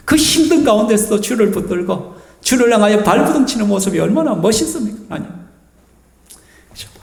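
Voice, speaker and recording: A male pastor with a Gyeongsang Korean accent preaching a sermon in a church, chatty and often asking the congregation questions. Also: sits high. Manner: lively, conversational, asks the congregation questions. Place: church sanctuary. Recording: reverberant church hall.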